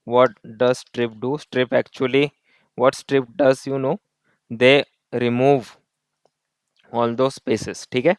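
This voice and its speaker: A man teaches a coding lesson over a screen recording. His voice is smooth and clear, recorded dry and close to the mic. He breaks each step down and repeats key points, mixing in Hindi tag words. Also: mid-range voice, level tone, measured pace, no room sound. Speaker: coding tutor.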